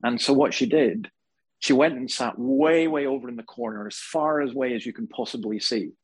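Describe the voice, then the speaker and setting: A man preaching a sermon to a congregation, telling stories with humor and animated emphasis. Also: mid-range voice, moderate pace, breathy edge, poor audio. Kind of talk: sermon with storytelling. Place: church hall before a live congregation.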